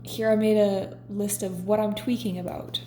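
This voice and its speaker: A woman in her twenties talks in a relaxed, confessional vlog chat. Her voice is mellow and soft-edged, with a little faint hiss underneath. The room sounds noticeably echoey. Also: medium pitch, normal speed. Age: 20s. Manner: relaxed, chatty and confessional, reading her diary entries aloud. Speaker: vlogger. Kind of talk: casual chat.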